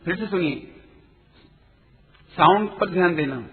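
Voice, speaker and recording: A man teaching as a Jain teacher in a spiritual lecture, explaining quickly and earnestly and correcting pronunciation. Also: sits high, expressive. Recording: tinny phone-like sound in a reverberant hall.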